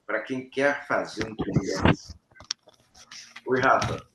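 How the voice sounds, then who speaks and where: A middle-aged Brazilian man teaching a live online law class, lively and addressing his students directly. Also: mid-range voice, slow, heavy background noise. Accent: Brazilian Portuguese. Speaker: law professor. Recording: echoey room.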